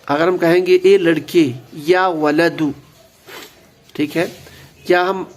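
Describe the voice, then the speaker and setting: A man's voice: a little high, fairly even intonation. A man teaching an Arabic grammar lesson, patient and explanatory, repeating key words and slipping in English terms.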